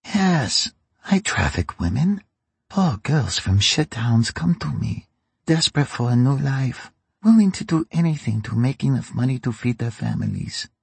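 In this audiobook reading, a man gives full character voice to an old crime matriarch who bargains with sly, defiant mockery. He raises his voice well above his natural one into a husky, gravelly, dry rasp at medium pitch with a darkish tone, drawing the words out slowly but very animatedly. It's recorded close with no room sound.

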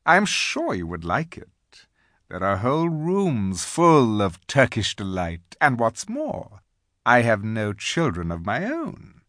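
A reader voicing an imperious, scheming witch queen from a children's storybook, sweet-talking in grand, drawn-out phrases. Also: medium pitch, huge pitch swings, fairly bright tone, dry recording, clean studio sound, heavily acted. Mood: sweetly coaxing.

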